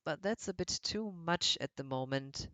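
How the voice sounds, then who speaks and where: Hesitant man, fairly high voice. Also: animated, moderate pace, bright, forceful tone, dry recording. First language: German. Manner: hesitant, searching for words, many restarts. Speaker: let's play streamer. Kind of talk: casual chat while gaming.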